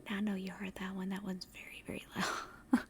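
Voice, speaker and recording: A woman talks to livestream viewers in a soft, breathy ASMR whisper, hushed and low in volume, gentle and rambling. She's close to a directional microphone, speaks fast in a monotone, and there's slight background noise.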